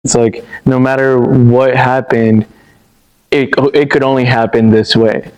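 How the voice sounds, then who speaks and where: A man's voice: medium pitch, little pitch movement, a little slow, darkish tone, clean tone, low-quality recording. A young man, a guest in a casual discussion, rambling with many fillers. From Brazil.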